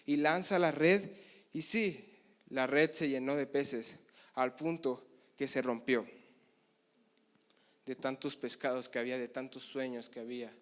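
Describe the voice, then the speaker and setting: A man's voice: mid-range voice, measured pace, long pauses, fairly bright tone. A young man preaching a sermon at a conference, telling Bible stories with passion and acting out the dialogue. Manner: impassioned storytelling, acts out Bible dialogue. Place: conference hall.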